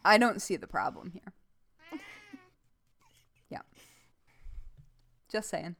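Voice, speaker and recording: A woman co-hosting a podcast, chatting casually at home with wry, deadpan humor. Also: mid-range voice, extremely slow, gravelly. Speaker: podcast co-host. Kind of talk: casual chat.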